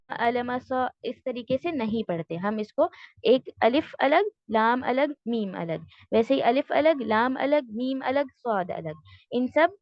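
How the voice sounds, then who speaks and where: High-voiced woman teaching a class. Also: no echo, lo-fi sound. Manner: patient, explains step by step, mixes English terms. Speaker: Tajweed teacher. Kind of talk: online class lecture.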